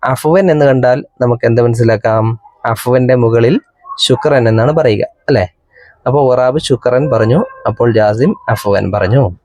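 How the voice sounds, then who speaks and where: A man teaching an Arabic exam paper, reading each line slowly and then translating it for young pupils. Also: medium pitch, darkish tone, no room sound. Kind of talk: exam paper walkthrough lesson.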